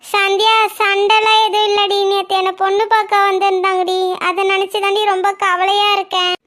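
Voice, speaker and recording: A woman voicing a timid, high-pitched young cartoon sweetheart. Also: completely flat delivery, a little fast. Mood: worried. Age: young adult. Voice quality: very high, bright. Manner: soft-spoken, timid and pleading. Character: shy, devoted young village woman in love. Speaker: cartoon character. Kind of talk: Tamil cartoon voice acting.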